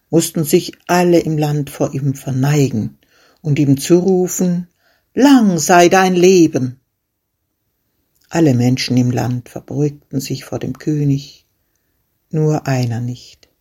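A storyteller reading a fairy tale aloud as scripted narration, slowly and deliberately. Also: medium pitch, warm tone, slightly rough.

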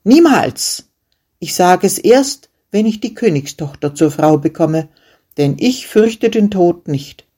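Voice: mid-range voice, expressive, slow pace, darkish tone. A storyteller voicing a fearless, stubborn young shepherd in a fairy tale, who answers back boldly. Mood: fierce. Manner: bold, stubborn retorts. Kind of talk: storybook character voice.

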